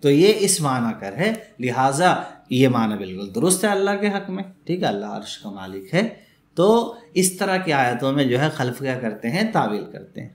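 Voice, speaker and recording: A man's voice: medium pitch, sing-song. A man teaching a scripture commentary lesson, reading short Arabic passages and then explaining each one in detail. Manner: reads Arabic text then explains in Urdu, often checking "theek hai". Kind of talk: classroom Quran exegesis lesson. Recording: echoey room.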